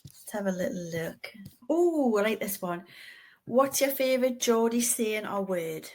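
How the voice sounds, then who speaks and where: A woman's voice: mid-range voice, animated, unhurried, a little mellow, a little hiss or hum. A middle-aged woman co-hosting a podcast, asking questions in a chatty way and laughing easily over a video call. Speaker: podcast co-host. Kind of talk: casual chat.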